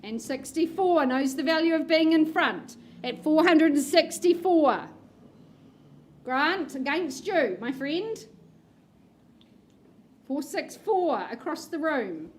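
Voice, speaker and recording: A woman's voice: sits high, lively intonation, takes it slowly, long pauses, slight background noise. A woman auctioneer calling live bids in a playful, coaxing patter, reading out numbers like a bingo caller. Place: room with bidders present.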